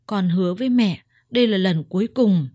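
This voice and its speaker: A woman's voice: mid-range voice, normal speed, mellow, no room sound, studio quality, close to an everyday voice. Woman voicing a guilty pleading husband.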